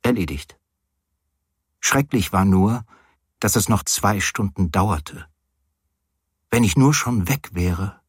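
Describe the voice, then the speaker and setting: A man reading a first-person novel aloud, with wry, hesitant storytelling and quietly voiced dialogue. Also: on the low side, animated, takes it slowly, pauses often, slightly rough, no room sound, studio quality. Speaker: audiobook reader. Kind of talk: literary audiobook narration.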